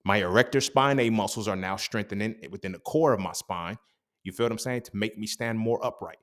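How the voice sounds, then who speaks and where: Low-voiced man in a profane, emphatic monologue. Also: brisk, fairly bright tone. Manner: profane, emphatic, keeps asking "you feel me?". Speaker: podcast host. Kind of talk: casual motivational monologue.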